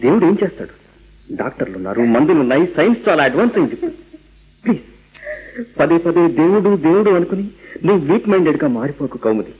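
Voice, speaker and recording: A man's voice: fairly high pitch, sing-song, fast talker, pauses often, breathy edge, full character voice. An actor with a Telugu Indian accent playing a rationalist young father in an old radio drama, speaking emphatically and theatrically with English words mixed in. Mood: firm, reasoning. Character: rationalist young father, atheist, anguished over his son. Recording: tinny narrow-band old radio recording.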